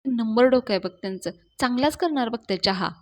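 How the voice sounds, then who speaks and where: A woman's voice: on the high side, animated, a little fast, natural voice. A woman retelling a story and voicing a young man who earnestly reassures and defends his friend.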